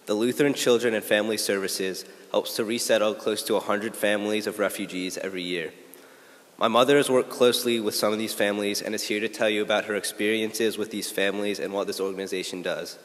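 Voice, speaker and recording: A young man reads a short prepared introduction in a plain, formal manner. His voice sits somewhat low. A long hall reverb follows his words. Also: steady tone, fast talker, fairly bright tone. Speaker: student introducer.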